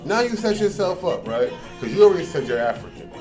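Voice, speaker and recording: A man's voice: high voice, fast talker. Rambling man talking over music. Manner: rambling, repeats words, animated and emphatic. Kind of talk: casual spoken monologue.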